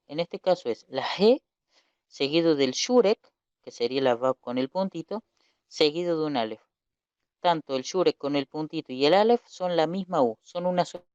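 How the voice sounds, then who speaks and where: A man's voice: fairly high pitch, a little mellow, smooth, no room sound. A man teaching a recorded Hebrew lesson, explaining patiently, repeating key points and correcting himself as he goes. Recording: dull lo-fi dry recording.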